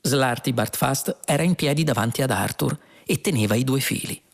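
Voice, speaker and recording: Gravelly male audiobook narrator. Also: medium pitch, moderate pace. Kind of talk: scripted narration.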